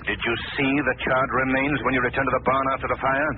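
A man's voice: medium pitch, flat delivery, quick pace, natural voice. A man acting in a 1940s radio drama as an unseen, mocking avenger who taunts criminals with theatrical deliberation. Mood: stern, triumphant. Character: unseen avenging male mystery crime fighter, mocking and menacing. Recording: tinny, hissy old radio recording.

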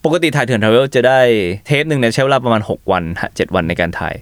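A man telling travel stories as an interview guest, animated and casual, acting out what people said. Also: mid-range voice, quick pace, clear, resonant tone, dry recording, clean studio sound. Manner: animated, acts out quotes, swears casually. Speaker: travel content creator guest.

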